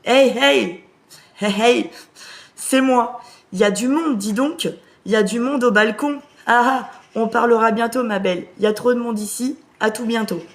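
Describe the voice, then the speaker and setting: A woman's voice: fairly high pitch, normal speed, natural voice. A woman voicing a cheeky, jovial old grandpa spirit in a playful, joking tone.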